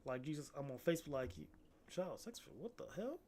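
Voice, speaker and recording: A man's voice: on the high side, very animated, a little fast, a little mellow. A young man chatting casually, laid-back and slangy, often calling others "bro". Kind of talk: casual chat.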